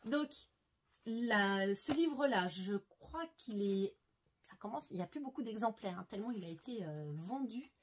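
A woman's voice: mid-range voice, husky. A woman sewing vlogger chatting casually and enthusiastically, with frequent fillers and self-corrections. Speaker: sewing YouTuber. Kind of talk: casual book review vlog.

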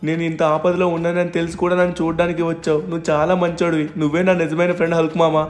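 A man voicing a fast-talking young guy. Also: fairly high pitch, completely flat delivery, lightly acted. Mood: grateful. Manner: fast emotional talk. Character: grateful young man just out of hospital. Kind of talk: fan dub of game footage.

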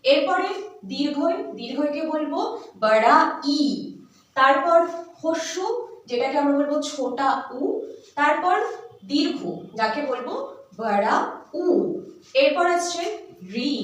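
A high-pitched woman teacher who walks her students patiently through each letter and sound. She sounds set back from the mic, and her voice rings in a very echoey room. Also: moderate pace, far from the mic. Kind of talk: basic language lesson.

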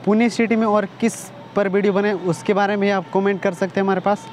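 High-voiced young man vlogging on a rooftop. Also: little pitch movement, a little fast. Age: young adult. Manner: hesitant, many fillers and restarts. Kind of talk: casual explainer vlog. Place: rooftop outdoors over an industrial area. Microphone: phone camera held close. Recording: outdoor phone recording with faint street noise.

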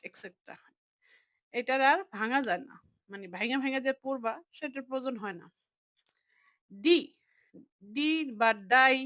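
A young woman teaching a lesson, slowly explaining and repeating words as she breaks them into parts. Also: on the high side, fairly bright tone, dry recording, low-quality recording.

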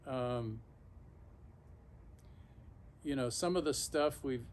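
Halting middle-aged man talking casually outdoors. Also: mid-range voice. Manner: halting, reflective, with pauses mid-sentence. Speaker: vlogger. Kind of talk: casual unscripted monologue to camera. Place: backyard patio outdoors, sitting in an ice bath. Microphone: camera or phone a few feet away. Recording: outdoor noise, camera some feet away. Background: clear outdoor ambient noise.

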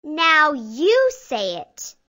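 A woman voicing an excitable young cartoon magician who guides children in a learning game with slow, emphatic enunciation. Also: high voice, exaggerated voice. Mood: showy, encouraging. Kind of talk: animated instruction for early readers.

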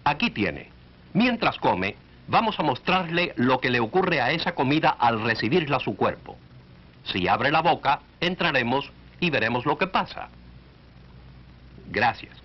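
This man's medium-pitched narration for a 1940s educational film moves at a measured pace with big swings in pitch. He addresses the listener directly and instructively, heard through a dull, band-limited period soundtrack.

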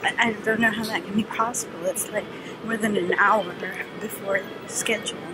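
A young woman chatting casually to a handheld camera as a travel vlogger, animated and quick to laugh. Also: mid-range voice, background noise. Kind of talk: casual vlog narration to camera.

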